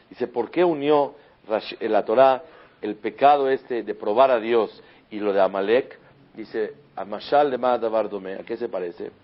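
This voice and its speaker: Rabbi guy preaching a torah lesson, lively storytelling, kinda dull lo-fi sound. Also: medium pitch. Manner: animated storytelling, acting out voices of a child and father; mixes Hebrew terms into his talk. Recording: slightly dull lo-fi recording.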